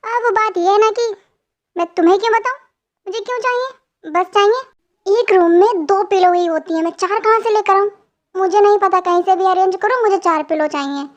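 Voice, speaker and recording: A young woman reading as a spoiled young bride who sulks and bickers. Her voice sits very high, on a dull, lo-fi home recording. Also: normal speed. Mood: sulky. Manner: sulky, bickering.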